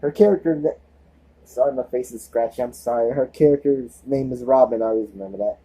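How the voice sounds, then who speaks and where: Guy with a lisp doing a rambly movie review, really dark mellow voice, kinda husky. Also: medium pitch, a little fast, rough recording. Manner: rambling, loses track and restarts often. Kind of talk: casual spoken movie review.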